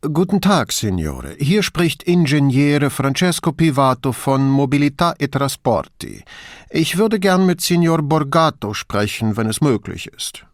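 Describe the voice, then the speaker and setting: A male audiobook reader voices a timid, pedantic bureaucrat on the phone, raising his pitch noticeably above his own for a fussy, submissive sound. The delivery is measured with big pitch swings, and the recording is dry and close.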